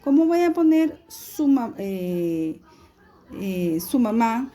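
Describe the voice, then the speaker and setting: A woman teaching a recorded video lesson, with a very dark, mellow tone. She talks slowly and patiently and puts questions to her students as she explains. Her speech is unhurried and steady. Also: a little high.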